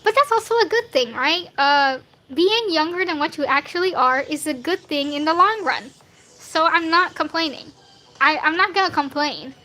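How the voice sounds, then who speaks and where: She's nineteen but her youthful voice sounds younger, and she chats casually as she draws fan art on stream, rambling, using slang, and putting herself down. The voice is high and sharp-toned, with lively intonation at a normal speed.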